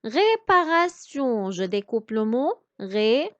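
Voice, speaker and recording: A woman teaching French reading, speaking slowly and over-articulating each word as she explains pronunciation. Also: fairly high pitch, very animated, dry recording. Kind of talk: reading lesson. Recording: dry, dull lo-fi sound.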